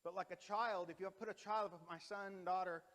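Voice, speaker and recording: A pastor in his thirties delivering a sermon in a church, swinging between loud emphatic lines and hushed, quiet ones. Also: high voice, fairly even intonation, brisk. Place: church sanctuary. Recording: long hall reverb.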